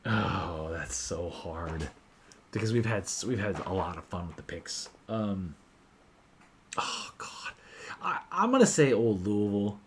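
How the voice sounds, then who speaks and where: A man hosting a casual whiskey livestream, animated and swearing freely as he tells stories. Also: deep voice, moderate pace, a little hiss or hum.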